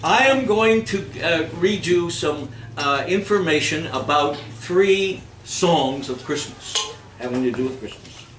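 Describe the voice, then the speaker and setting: Hosting a community holiday reading and song quiz on stage indoors, a man with a fairly high, animated, slightly bright voice speaks unhurriedly, in a theatrical and jokey way, bantering playfully with a live audience. The room is echoey, the mic distant, and the audience noisy.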